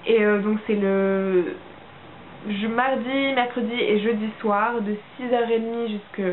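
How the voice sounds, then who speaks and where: A woman's voice: on the high side, fairly even intonation, measured pace. A young woman from France chatting casually to camera as a vlogger, hesitant and full of fillers and restarts. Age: young adult. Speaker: au pair vlogger. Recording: tinny phone-like audio with faint hiss.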